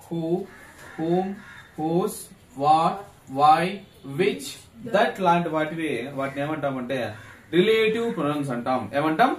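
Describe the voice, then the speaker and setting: A man's voice: on the high side, lively intonation, slow pace, pauses often, crowd noise. A man teaching English grammar to a class, asking questions and repeating the key terms for students to echo back. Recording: echoey classroom, mic at a distance, faint noise.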